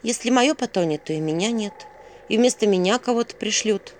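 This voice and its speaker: A woman's voice: mid-range voice, animated, fairly quick, a little mellow, slight background noise, voice pushed up, lightly acted. A woman voicing an earnest young sorceress girl who speaks with worry and frequent sighs. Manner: earnest, worried, sighing. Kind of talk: audiobook character voice.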